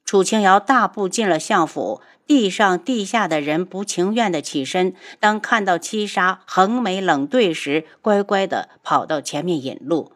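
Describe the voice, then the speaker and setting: A woman narrating a web novel audiobook in an expressive, storytelling way. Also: measured pace, hardly any pauses. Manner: animated storytelling with wide pitch swings.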